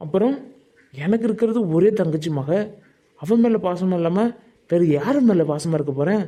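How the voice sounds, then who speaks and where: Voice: animated, normal speed, warm tone, close to an everyday voice. A performer voicing an affectionate middle-aged village uncle in a cartoon. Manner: affectionate, booming calls. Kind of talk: cartoon voice acting.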